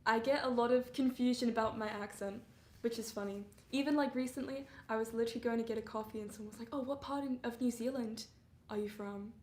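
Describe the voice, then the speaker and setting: This livestreaming singer-songwriter is a young woman from England whose accent blends English and Canadian. Her slightly high voice has a darkish tone, a roomy sound, and a touch of being under the weather. She chats casually, giggles often and leans on plenty of fillers.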